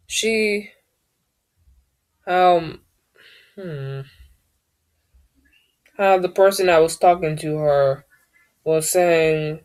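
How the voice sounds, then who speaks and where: A woman with a deep, smooth voice tells a personal story in a casual vlog, often hesitating as she searches for the right words.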